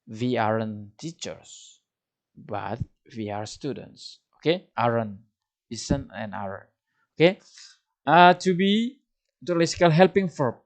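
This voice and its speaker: A young man with an Indonesian accent teaching an English grammar lesson, often loud and lively, repeating each point for beginners. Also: medium pitch, slow pace, pauses often. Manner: animated, swings of loudness, repeats points.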